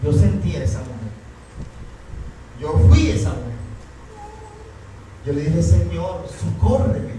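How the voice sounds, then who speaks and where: A man's voice: a little high, sing-song, unhurried, long pauses, warm tone, slight background noise. A man preaching a passionate sermon, often stopping to ask the congregation whether they are listening. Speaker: pastor. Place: church hall. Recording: very echoey hall, mic far off.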